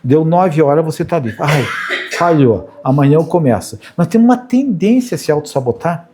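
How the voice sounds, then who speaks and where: A man's voice: a little high, lively intonation, brisk, a crowd in the background. A middle-aged man giving an informal spiritual talk, telling anecdotes and tagging sentences with "né?". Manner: chatty, anecdotal, frequent "né?" tags. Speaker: spiritist speaker.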